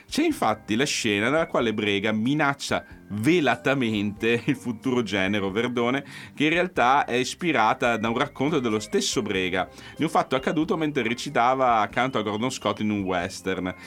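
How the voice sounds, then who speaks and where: A man narrating cinema anecdotes in a lively, storytelling manner. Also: mid-range voice, normal speed, few pauses, soft background music. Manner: lively anecdotal, acts out quotes.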